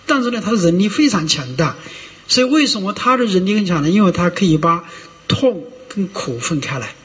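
High-voiced monk preaching in a hall. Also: male voice, a bit bright. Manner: discursive, many drawn-out "ah" fillers and rhetorical "you know?" checks. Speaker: Buddhist monk. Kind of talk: Buddhist sermon. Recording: dull lo-fi recording with long hall reverb.

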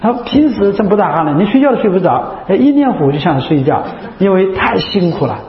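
A man's voice: high-pitched, sing-song, a little fast. Male monk, dharma talk; repeats himself, keeps asking the room questions; roomy, echoing hall sound. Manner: chatty, repetitive, rhetorical questions. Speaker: Buddhist monk teaching. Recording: echoey hall, dull lo-fi sound.

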